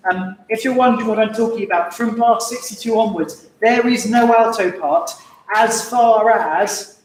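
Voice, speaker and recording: Wry choir conductor in echoey hall. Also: male voice, sits high, a little hiss or hum. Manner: brisk, wry and encouraging, sings phrases to demonstrate. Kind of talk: choir rehearsal instruction. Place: large echoey rehearsal hall. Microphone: distant room microphone. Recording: echoey hall from far off, faint music.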